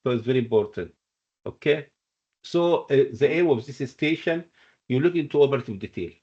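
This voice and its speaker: A male medical lecturer and exam coach teaches interactively on a dull online call, asking questions and explaining answers. His medium-pitched voice is animated, a little mellow and a little fast, and he repeats points and checks understanding often.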